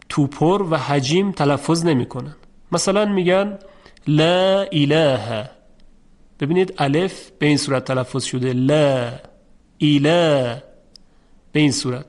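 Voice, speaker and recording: A man teaching Quran recitation in a patient, methodical way, stretching out example sounds slowly and clearly. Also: on the high side. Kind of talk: instructional lesson.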